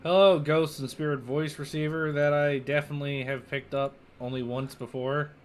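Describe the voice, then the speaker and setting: A man's voice: fairly high pitch, level tone, normal speed, a little hiss or hum. A middle-aged man giving casual, sardonic, sweary gameplay commentary on a stream. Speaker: game streamer. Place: indoor streaming setup. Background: game music.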